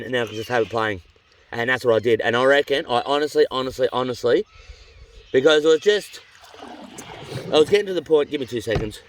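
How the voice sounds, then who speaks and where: With slight background noise and birdsong from the bush, a mid-range-voiced Australian man vlogs from a river among rocky cliffs during a long canoe trip. He is worn out, has a runny nose, and chats in a rambling way, using slang and frequently restarting.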